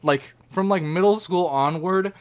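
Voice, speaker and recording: A man's voice: high voice, unhurried, clean tone. A young man co-hosting a casual podcast chat, telling stories in a rambling way and restarting his sentences often. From Oregon, United States. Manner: rambling, self-interrupting storyteller. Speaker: podcast co-host.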